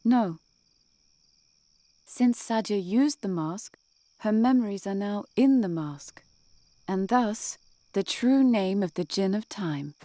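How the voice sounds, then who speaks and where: A woman's voice: medium pitch, lively intonation, slow, long pauses, mellow. An actress playing a restless, dreamy young woman guard who speaks in an earnest, wistful way. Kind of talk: game voice acting.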